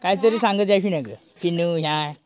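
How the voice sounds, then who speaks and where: A village vlogger from Konkan, India, shows around his home courtyard, chatty and coaxing as he teases the kids. His voice sits high and moves briskly, with family chatter in the outdoor courtyard behind him.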